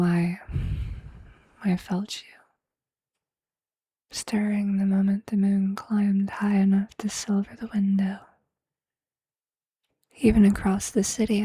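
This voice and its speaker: In an intimate ASMR roleplay, a performer voices a possessive, tender vampire lover in a breathy whisper. The mid-range delivery is slow, hushed, seductive and affectionate, with formal wording. The recording is dry.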